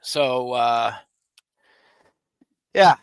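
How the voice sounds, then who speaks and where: A man's voice: medium pitch, extremely slow, gravelly, smooth, no room sound. A man co-hosting a live-stream chat, talking in a folksy, rambling, self-deprecating way. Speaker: co-host.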